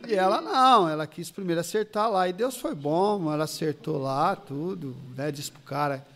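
A man, a pastor from inland São Paulo, telling personal stories as a podcast guest in a casual, animated way. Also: on the high side, normal speed, heavy background noise. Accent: Brazilian Portuguese, São Paulo interior. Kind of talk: casual storytelling chat.

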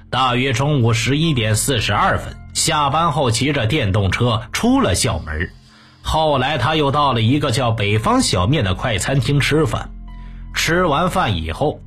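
A man's voice: mid-range voice, a bit bright, breathy edge. A man reading scripted true crime narration in a storytelling delivery, as a narrator of criminal cases. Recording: music bed under the voice. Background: background music.

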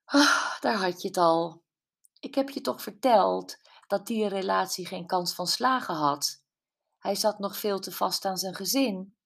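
A woman's voice: mid-range voice, unhurried, creaky, fairly bright tone, pitched above the performer's own voice. A woman voicing Brenda, a candid, self-mocking friend, in an audiobook. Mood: rueful. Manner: wry, emotional, tearful at times. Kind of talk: audiobook character voice.

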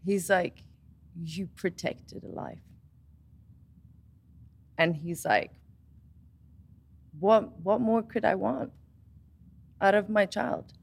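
A woman in her twenties chatting casually, telling a personal story with animated retellings of what others said. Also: mid-range voice, drawn-out words, vocal fry, pauses often, husky. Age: 20s. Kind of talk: casual chat.

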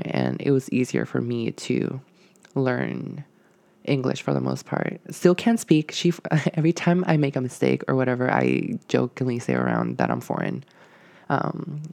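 A young Puerto Rican man whose first language is Spanish hosts a casual solo podcast, rambling and hesitant with lots of ums and likes. His mid-range voice is gravelly and a little mellow, and the recording is dry.

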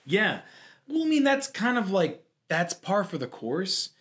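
A man co-hosting a podcast, chatting casually and airing opinions with lively asides. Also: high-pitched. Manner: animated, opinionated, quick asides. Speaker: podcast co-host. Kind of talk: casual chat.

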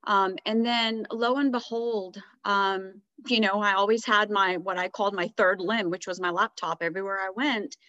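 Speaking at normal speed with hardly any pauses, a middle-aged guest author shares her story on a podcast in her medium-pitched voice. Her tone is reflective and casual, becoming animated whenever she recounts dialogue, and the recording sounds dry and a bit dull.

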